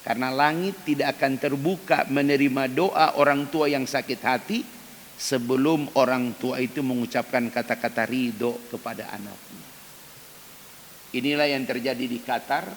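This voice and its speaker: A man preaching an emphatic dawn sermon in a mosque, speaking directly to the men of the congregation. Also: moderate pace. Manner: acts out quoted prayers in loud, high cries. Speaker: ustadz preacher. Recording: reverberant mosque hall with faint hiss.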